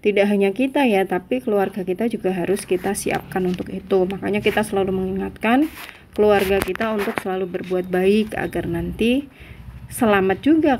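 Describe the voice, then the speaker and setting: A woman's voice: medium pitch, a little mellow, a little hiss or hum. Indonesian woman teaching Quran lessons. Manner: conversational, explanatory, with frequent confirming tags. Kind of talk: religious lesson, reciting verses then explaining them.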